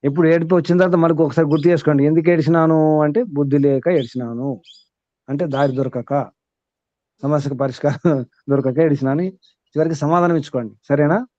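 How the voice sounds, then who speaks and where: In a slightly dull, dry recording with no echo, a man with a fairly high, mellow voice gives a spiritual teaching in a steady, slightly fast manner. He questions his listeners, repeats key words, and chuckles between points in this question-and-answer discourse.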